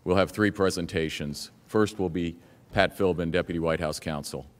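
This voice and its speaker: A man's voice: sits low, moderate pace. A man speaking as a lawyer to a legislature in a formal but plain procedural address. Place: large indoor legislative chamber. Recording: echoey hall.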